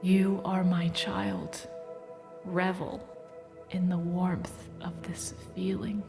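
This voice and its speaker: A warm, serene earth goddess acted by a woman speaks very slowly over soft music. She is motherly and soothing, guiding the listener through a meditative audio drama with gentle, breathy calm. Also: on the low side. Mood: serene, nurturing. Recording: music bed behind the voice.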